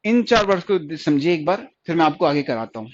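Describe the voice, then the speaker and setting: A man's voice: on the high side, big pitch swings, brisk, no room sound, lo-fi sound. A man teaching a stenography class online, repeating each point and asking questions he then answers himself. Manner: repetitive, asks questions and answers them himself.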